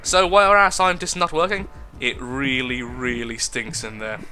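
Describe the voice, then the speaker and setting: A man's voice: medium pitch, moderate pace, pushed and bright, faint music behind. A young man chatting through a game in a casual, jokey way, reading the on-screen text aloud. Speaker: gaming video host. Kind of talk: casual gameplay commentary.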